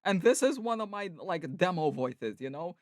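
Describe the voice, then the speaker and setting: Brief: cheery male clown, sing-song host patter, swooping pitch. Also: big pitch swings, moderate pace, dry recording, studio quality. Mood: chirpy. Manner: sing-song showman greeting. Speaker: streamer and voice actor.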